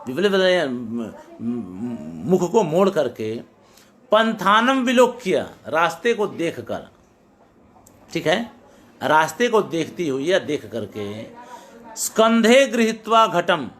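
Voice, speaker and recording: A middle-aged male teacher lecturing on poetics, reciting classical verses and explaining them line by line. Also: fairly high pitch.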